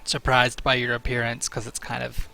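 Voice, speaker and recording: A man's voice: mid-range voice, monotone, moderate pace, vocal fry, bright, forceful tone, soft background music. A man narrating a tabletop game as game master, in a loose, joking way with many fillers.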